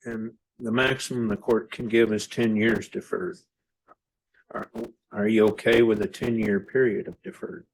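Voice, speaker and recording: A man questioning formally as a defense lawyer in a courtroom, with a deliberate, halting delivery. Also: on the low side, steady tone, creaky, rough recording.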